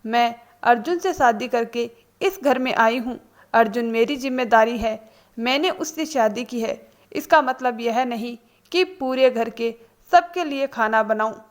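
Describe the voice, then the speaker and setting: A woman voicing a young daughter-in-law who speaks in a cool, measured way. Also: on the high side, close to an everyday voice. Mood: firm.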